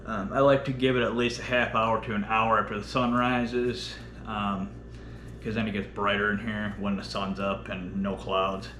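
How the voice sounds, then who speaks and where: A man with a fairly low voice rambles through a casual workout vlog. He speaks with a lisp and whistling s, blunt and full of swearing. There is faint room noise behind him. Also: fairly bright tone. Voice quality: lisp with whistling s, from missing top teeth. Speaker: workout vlogger. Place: indoor home workout space with running fridge.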